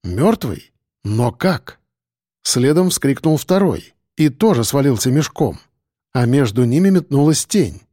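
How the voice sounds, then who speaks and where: Mellow-voiced male audiobook narrator. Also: mid-range voice, sing-song, a little slow, dry recording, studio quality. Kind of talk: first-person audiobook narration.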